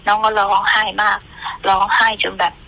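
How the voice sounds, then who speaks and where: Gravelly, bright-voiced middle-aged woman. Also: mid-range voice, little pitch movement, poor audio. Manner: earnest, halting, repeats herself. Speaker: interviewee, mother of a celebrity. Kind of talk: emotional interview account.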